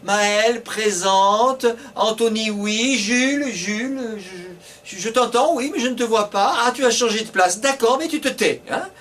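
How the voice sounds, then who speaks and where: A strict female schoolteacher, voiced by a male storyteller, high-pitched and exasperated, scolding her class. The voice sits far from the mic. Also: measured pace, fairly bright tone.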